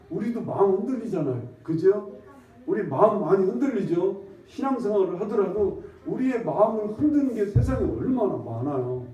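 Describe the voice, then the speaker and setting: A man preaching a casual, folksy sermon, his voice pitched high for a man and mellow in tone. He keeps throwing questions out to the congregation and circling back with repeated words. The sound is distant, roomy, and muffled, as if picked up from far off in a church sanctuary. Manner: peppers talk with questions to the congregation; folksy, repetitive, drawn-out emphasis. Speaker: pastor. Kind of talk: conversational sermon. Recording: echoey, distant, dull lo-fi church recording.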